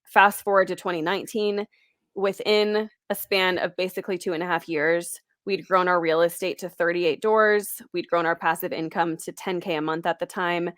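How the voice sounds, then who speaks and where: Low-voiced woman in her twenties. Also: fairly even intonation, moderate pace, a bit bright, no echo, studio quality. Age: 20s. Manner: candid, reflective, laughs lightly. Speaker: guest. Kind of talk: interview conversation.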